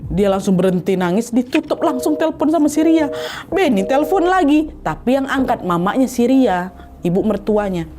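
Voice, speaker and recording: A woman's voice: a little high, sing-song, moderate pace. A woman telling a story in a chatty, casual way while eating, often turning to talk to her listener. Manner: chatty, addresses listener directly.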